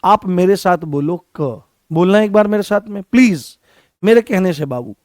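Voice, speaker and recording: A man with a high voice teaches an exam-prep grammar class, repeating each phrase several times and throwing questions at his students. He calls them by fond nicknames. The recording is dry and close. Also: expressive, moderate pace, darkish tone, no room sound. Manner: repetitive, drills phrases, asks the class questions, affectionate address.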